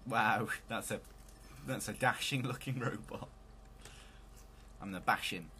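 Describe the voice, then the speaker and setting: A man's voice: on the low side, a little slow, sharp tone, a little hiss or hum. A man hosting a let's play, giving casual, joking commentary on a video game.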